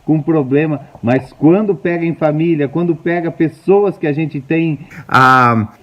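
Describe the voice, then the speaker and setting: A man's voice: fairly high pitch, measured pace. A male pastor talking casually in a live stream, asking the viewers questions, recorded on a phone indoors. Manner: chatty, asks viewers questions. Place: indoor room at home. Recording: muffled phone livestream.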